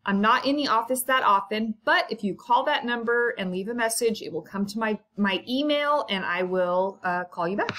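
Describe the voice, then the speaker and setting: A woman's voice: fairly high pitch, normal speed, hardly any pauses, fairly bright tone. A woman college instructor walking through her course syllabus in a casual, informal way, with frequent fillers, asides and the odd cough. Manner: chatty and informal, many ums and asides. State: coughing now and then. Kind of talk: casual syllabus walkthrough lecture.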